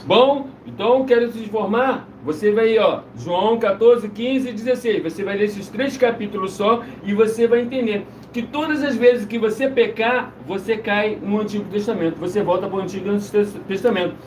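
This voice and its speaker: Brief: a man with a very high voice, preaching on a live stream, loose and insistent, picked up far from the mic. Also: moderate pace, hardly any pauses. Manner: loose, insistent, repeats himself. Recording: roomy, distant mic, faint noise.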